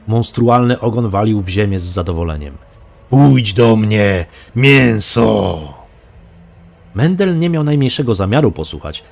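A man reading a dark fantasy novel aloud as a hobby audiobook narrator, dramatic and voicing the characters. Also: fairly low pitch.

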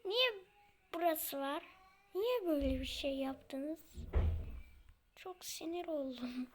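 A woman with a high voice talks her viewers through a game in an unhurried, drawn-out way. She grumbles and sounds exasperated as she fails, then turns back to chat with her audience. There is a faint hiss behind her. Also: lively intonation. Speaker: gamer, channel host. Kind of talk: casual let's-play commentary.

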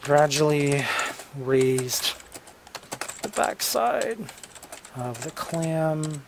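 Very slow, halting story dictation. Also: mid-range voice, animated, noisy background. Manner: halting, stops often to revise wording. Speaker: novelist writing a draft live. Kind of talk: dictating fiction while typing. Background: computer keyboard typing.

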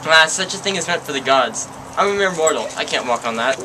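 A woman's voice: animated, fairly quick, bright, forceful tone, slight background noise. A woman playing a vain, boastful warrior king, dropping her voice into a pompous growl. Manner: pompous, lowered put-on voice.

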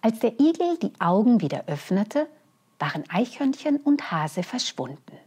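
A woman storyteller reading a children's bedtime story, gently and expressively, with hushed phrase endings. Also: a little high, sing-song, moderate pace, slightly rough.

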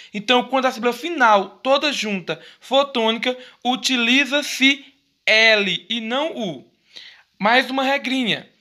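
A man's voice: very high-pitched, bright, forceful tone. A Brazilian man teaching a grammar lesson to young schoolchildren, patient and affectionate, explaining step by step. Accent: Brazilian Portuguese. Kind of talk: recorded grammar lesson for children.

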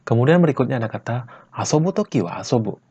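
A man from Bali teaching Japanese slang in a casual lesson, saying each phrase slowly and then at normal speed, and tagging lines with a chatty "guys, ya". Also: medium pitch, very animated, mellow, slightly rough, muffled recording. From Bali, Indonesia. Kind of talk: casual vlog-style lesson.

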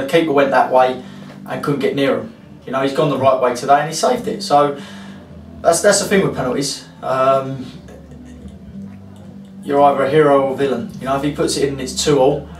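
A man, a football manager giving a frank post-match interview, rambling with many fillers. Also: mid-range voice. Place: club interview room, indoors. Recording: roomy echo, distant mic, faint hiss.

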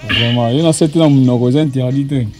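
Outdoors on open land, a man reporting from the field speaks animatedly and quickly at an ordinary pitch, switching between Lingala and French. Music plays clearly behind him.

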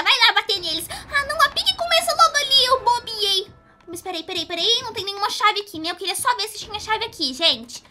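A bubbly, excitable young cartoon pony girl, put on by a woman, squealing and giggling through game commentary. Her voice sits extremely high and swoops all over in lively leaps. Game music plays clearly behind her. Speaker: gaming youtuber. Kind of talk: gameplay commentary in character. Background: game music playing clearly.

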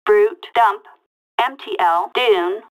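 An actress voices a female police dispatcher in a video game, reading vehicle makes and models as scanner callouts through a police radio filter. Her mid-range voice is slow and sounds phone-quality, and each word comes out clipped, detached, flat, and procedural.

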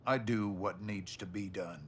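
An actor playing a ruthless, self-righteous older army general in a cinematic game, forceful and condescending. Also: male voice, low-pitched, steady tone, unhurried, background noise. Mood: cold, defiant. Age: middle-aged.

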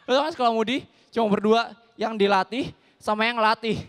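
High-voiced young comedian. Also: male voice, fast. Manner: animated, acts out shouting brawlers. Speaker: stand-up comedian. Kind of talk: stand-up comedy set.

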